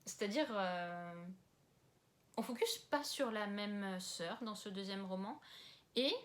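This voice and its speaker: A woman's voice: mid-range voice, takes it slowly, a bit bright. Chatty young woman talking books. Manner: chatty, self-deprecating, many fillers and asides. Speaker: book vlogger. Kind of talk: casual chat about books. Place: at home with books.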